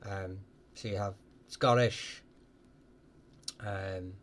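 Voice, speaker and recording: His voice sits low with a steady tone. He's hosting a live question-and-answer stream, replying to viewers in a relaxed, hesitant manner with frequent ums and restarts.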